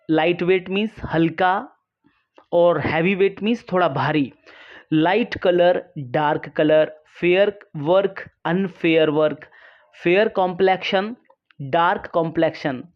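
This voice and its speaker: Woman teacher, low voice, slow and patient, explaining a lesson, dull lo-fi recording. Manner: slow, patient, reads English lines then explains them.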